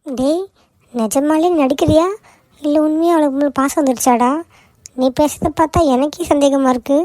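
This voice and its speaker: A woman's voice: high voice, normal speed, mellow, no echo, lightly acted. Woman voicing a nagging cartoon mother. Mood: teasing. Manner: nagging, sarcastic. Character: scolding middle-aged mother, sharp-tongued. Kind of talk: cartoon voice acting.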